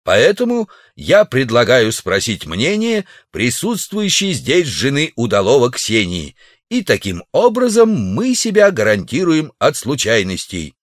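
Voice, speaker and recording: A tall, elegant, persuasive man, as a male reader plays him reasons in measured, lively tones. The voice is close and dry. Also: mid-range voice, no room sound.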